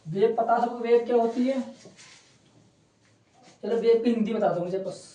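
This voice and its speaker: Young male physics tutor, chatty and reassuring, warm low tone, off-mic in an echoey room. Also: normal speed, far from the mic. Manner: chatty, repeats "ठीक है" and checks on students. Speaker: polytechnic physics teacher. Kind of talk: online coaching lecture. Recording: roomy echo, voice away from the mic.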